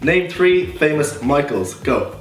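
A young man reads out quiz questions with a slightly high voice, laughing and teasing between rounds. He sits away from the mic in a roomy, echoing space with faint music underneath. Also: expressive, takes it slowly. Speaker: quizmaster host. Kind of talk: casual challenge game. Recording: echoey room, far from mic, faint music.

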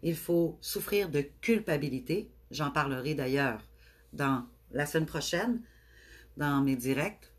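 Québécois woman, middle-aged, low voice, tender spiritual host, halting delivery. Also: animated, slightly rough. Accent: Québécois French. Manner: gentle, affectionate, with frequent hesitations. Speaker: spiritual speaker hosting a live stream. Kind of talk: live stream talk to viewers.

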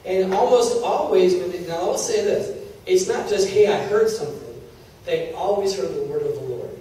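Filmed from far away in a large, reverberant church hall, this middle-aged man holds a handheld mic and delivers sermon teaching conversationally, frequently asking "Are you with me?" and "okay?" His voice is high yet dark-toned at a normal speed, with slight background noise.

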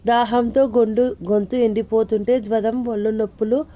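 A woman narrating an audio novel in a steady, even storytelling manner. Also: fairly high pitch, normal speed.

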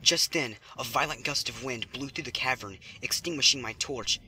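Theatrical and suspenseful, a man reads scripted horror over background music in a mid-range voice that sounds pushed and bright, keeping to a normal pace.

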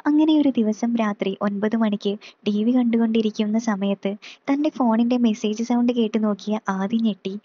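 A woman reading a story aloud in a steady, plain way. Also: on the high side, no echo, lo-fi sound.

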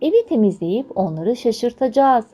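A woman's voice: fairly high pitch, big pitch swings, moderate pace, warm tone, faint music behind. A woman voicing a sweet, cheerful young princess in a storybook reading, raising her voice a little for the part.

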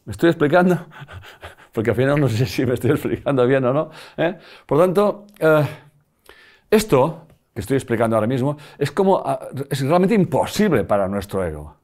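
A man's voice: medium pitch, normal speed. An older man with a Spanish accent giving a live lecture, often checking that the audience follows him. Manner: animated, asks the audience often if they follow.

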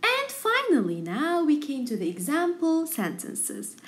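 A woman's voice: high-pitched, huge pitch swings, measured pace. A woman with an Egyptian Arabic accent teaching a language lesson, repeating words and their translations in an instructional way.

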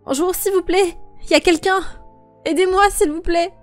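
A young woman of eighteen talks in a high voice, stammering and emotional, often muttering to herself. A woman voices her in a game role-play. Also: steady tone, moderate pace, faint music behind. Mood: anxious. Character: young woman just turned eighteen, anxious and grieving. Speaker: host and role-player.

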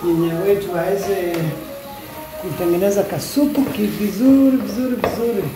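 A home cook vlogger with a Kenyan accent and a high, steady voice chats at a moderate pace while cooking in a small home kitchen. He mixes Swahili and English and half-sings repeated words, with echo and background music on the recording.

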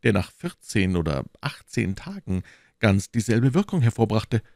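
Man reading as a solemn nobleman musketeer, raised pitch, theatrical, audiobook. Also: sing-song, normal speed, vocal fry, a little mellow, no room sound, clean studio sound. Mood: mocking.

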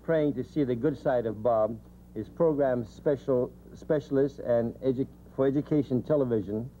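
A man as emcee of a roast, giving jokey, ribbing introductions, heard on a muffled TV recording with loud hiss. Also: mid-range voice, normal speed.

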